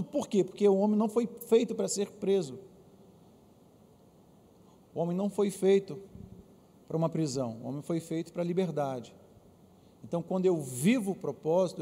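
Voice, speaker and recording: High-voiced Brazilian pastor preaching. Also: male voice, brisk. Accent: Brazilian Portuguese. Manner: lively preaching, asks the congregation to answer aloud. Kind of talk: sermon. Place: church auditorium. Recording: long reverb of a church hall.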